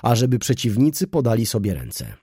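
A man's voice: medium pitch, huge pitch swings, fairly quick, mellow, breathy edge, no echo, studio quality, voice pushed up. A man reading an audiobook, voicing a formal English count who speaks solemnly.

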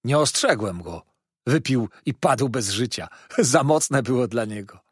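Man doing a cheeky, loud young inn waiter, husky, bouncy delivery, audiobook. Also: mid-range voice, expressive, measured pace, no room sound, clean studio sound. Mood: teasing, boastful. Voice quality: jovial, teasing and loud. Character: chatty, boastful young male inn waiter. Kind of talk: audiobook character voice.

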